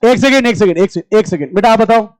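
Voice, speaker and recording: High-voiced man quizzing a class. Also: no echo, low-quality recording. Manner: quizzing students with rapid repeated questions; familiar, addresses class as brother. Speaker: chemistry teacher. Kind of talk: classroom lecture.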